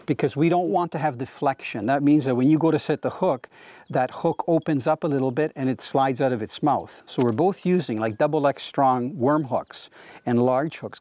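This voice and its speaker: A man's voice: medium pitch, darkish tone. A middle-aged man hosting a fishing show, explaining gear and technique outdoors by a lake with easy enthusiasm and a lot of "you know". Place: outdoors on a boat and dock by a lake.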